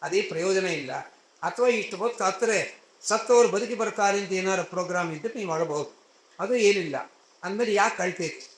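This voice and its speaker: A man's voice: high voice, fairly quick, slight background noise, close to an everyday voice. A man voicing a proud male demon king who scornfully lectures his grieving family, recorded in an echoey hall.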